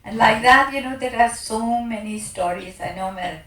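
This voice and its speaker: A woman's voice: fairly high pitch, normal speed, fairly bright tone. An older woman telling a personal story in a casual way, and she acts out the quoted speech of others. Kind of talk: casual spoken recollection. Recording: echoey room from a distance.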